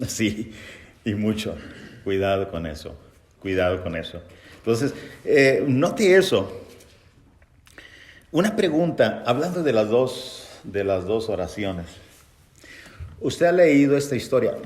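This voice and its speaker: A man's voice: mid-range voice, a little mellow. A man teaching a Bible study lesson, asking the class questions and reading scripture aloud. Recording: echoey room.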